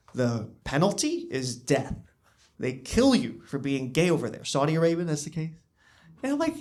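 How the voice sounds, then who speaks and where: Animated male stand-up comic. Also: fairly high pitch. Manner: animated, rambling, self-interrupting. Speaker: stand-up comedian. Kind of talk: stand-up comedy set. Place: comedy club stage.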